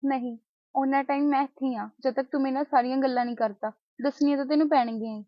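Woman doing stubborn village girl, high voice, snappy scolding, lo-fi. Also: steady tone, fast, no room sound, lightly acted. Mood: tender. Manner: sharp and scolding. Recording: dull lo-fi sound.

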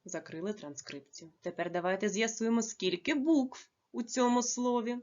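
A woman teaching a lesson to young children, dictating slowly and carefully with drawn-out words. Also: a little high, darkish tone, highs cut off. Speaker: primary school teacher.

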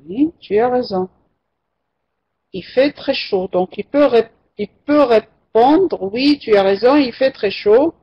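A woman's voice: on the high side, expressive, takes it slowly, slightly rough. A woman teaching an online French class, patiently repeating and correcting her students' answers. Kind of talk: online language lesson. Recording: muffled lo-fi online class recording.

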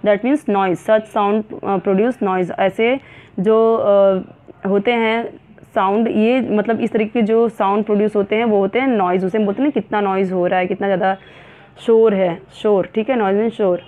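A woman teacher explaining a science textbook lesson, reading English lines slowly and then explaining them in Hindi with frequent fillers. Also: mid-range voice, steady tone. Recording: phone-like narrow sound.

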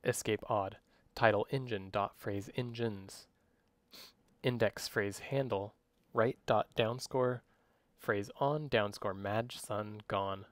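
Male demonstrator, lowish voice, dictating clipped code commands word by word, dry sound. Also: takes it slowly, no echo. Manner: dictating, clipped strings of isolated command words. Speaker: demonstrator of voice coding software.

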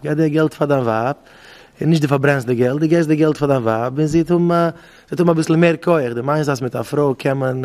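A fairly high-voiced man gives an informal lecture as a rabbi teaching young married men. He keeps pressing his listeners with rhetorical questions and hammers his points home by saying phrases again and again. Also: a little mellow. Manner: fires repeated rhetorical questions; repeats phrases for emphasis.

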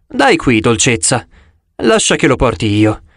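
Male reader as a swaggering sun god, teasing and breezy, lively swings in tone, dry close sound. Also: mid-range voice, a little slow, dry recording, heavily acted.

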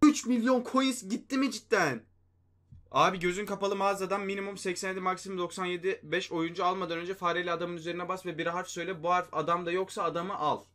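A man's voice: high voice, level tone, racing, few pauses, sharp tone. A man hosting a mobile game video, talking through his gameplay in casual commentary, often exasperated and talking to himself and his viewers. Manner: exasperated, talks to himself and viewers, mild swearing.

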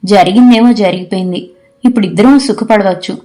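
A woman reading out a frank, teasing young man in an audio story, in a calm, explaining manner. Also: medium pitch, a little fast, natural voice.

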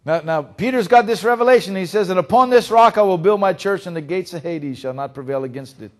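A male pastor preaching a sermon, swinging between hushed, intimate lines and loud, emphatic ones. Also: high voice, fairly quick. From Louisiana.

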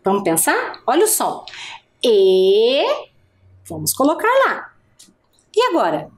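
A woman's voice: high voice, huge pitch swings, moderate pace, a bit bright. A woman teacher giving an adult literacy lesson, speaking patiently and stretching out each vowel sound.

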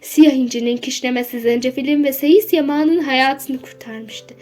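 A woman narrating a children's storybook aloud in a measured, expressive reading. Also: high voice, faint music behind.

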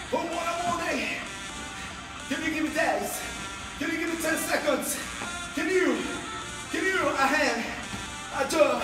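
A man with a Brazilian accent, a native Portuguese speaker, working as an energetic aerobics instructor who calls out counts and encouragement while exercising. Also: extremely high pitch. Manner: energetic, motivating, exerting himself while demonstrating. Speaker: aerobics instructor leading a workout class. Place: large indoor gym studio. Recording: echoey gym hall, distant mic, music behind.

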